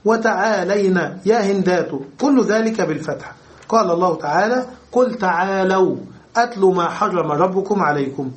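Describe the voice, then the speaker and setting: A man lecturing on grammar in a fairly high voice. He goes over each term again in other words and checks that his listeners follow. His delivery is patient and explanatory. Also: moderate pace. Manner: repeats and rephrases terms to explain them, checks understanding. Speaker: Arabic grammar teacher.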